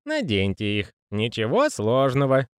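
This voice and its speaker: A male reader voicing a fussy, pious old postman who speaks in a raspy, wheezy whisper and keeps saying sir. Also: mid-range voice, wildly swooping pitch, a little slow, no room sound, studio quality, pitched above the performer's own voice. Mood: fussy, earnest. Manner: deferential, says sir constantly. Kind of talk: audiobook character voicing.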